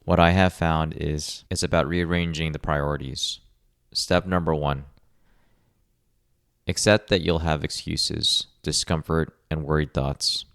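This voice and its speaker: A man hosting a rehab podcast, speaking in a calm, measured coaching tone in a scripted monologue. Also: extremely low pitch, creaky, no room sound, clean studio sound. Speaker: podcast host, rehab clinician.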